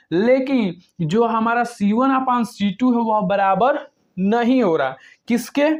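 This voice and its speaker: A math teacher working step by step through a problem, asking questions and answering them himself, with long pauses between words. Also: mid-range voice. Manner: asks and answers own questions. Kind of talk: step-by-step whiteboard lesson. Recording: dull lo-fi recording.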